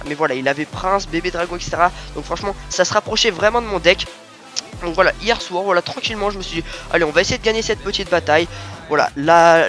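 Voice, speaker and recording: A man's voice: high-pitched, sharp tone. A man casually commenting over a video game as the host, often repeating himself and leaning on verbal tags.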